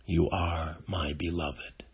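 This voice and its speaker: An older man with a frail, breathy, gravelly voice gives a gentle, contemplative devotional reflection on scripture, with long pauses. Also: low voice, fairly even intonation.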